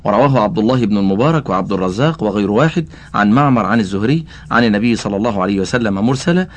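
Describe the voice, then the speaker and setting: Racing along in a low, expressive voice, a male audiobook reader delivers a classical religious text. He talks straight to the listener, adds commentary, and spells out name vowelling with care.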